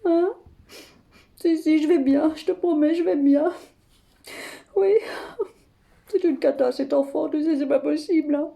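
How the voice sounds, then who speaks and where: A woman's voice: high-pitched, measured pace, vocal fry, pauses often, dark tone. A woman playing an exasperated older grandmother in a one-sided phone call sketch, ranting dramatically and tagging nearly every phrase with "hein". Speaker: comic monologue performer.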